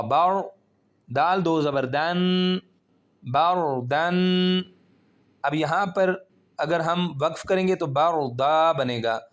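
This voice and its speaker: A man teaching Quran recitation step by step, patiently spelling out letters and drawing out syllables. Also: on the high side.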